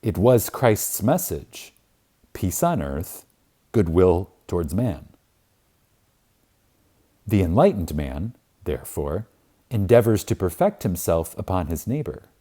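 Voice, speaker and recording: A man reads a spiritual self-help book aloud for an audiobook in a low, mellow voice. He takes his time, stressing words with reverent emphasis and leaving long pauses, and his very animated intonation rises and falls widely.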